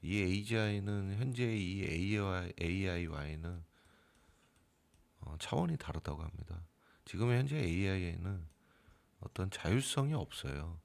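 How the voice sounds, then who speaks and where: A middle-aged man with a very low, gravelly voice talks straight to his viewers in an easy, unscripted way. He stops and restarts often and fills gaps with small sounds. Now and then he briefly acts out scolding a computer program. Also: normal speed. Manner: informal, hesitant with fillers, acts out arguing with the AI. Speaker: crypto trading bot channel host. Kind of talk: casual spoken explanation to viewers.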